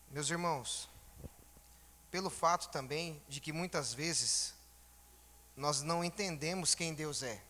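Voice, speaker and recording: A man's voice: on the high side, bright, forceful tone, in a large hall. A man giving a conversational sermon in a church, informally asking the congregation rhetorical questions. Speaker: church elder preaching.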